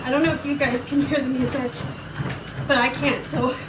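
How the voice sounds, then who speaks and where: A woman's voice: high voice, fairly even intonation, normal speed. A woman coaching casually and encouragingly while running on a treadmill, talking to viewers as she goes. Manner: encouraging, reassuring. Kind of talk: casual workout talk to viewers. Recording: roomy, distant mic with loud machine noise.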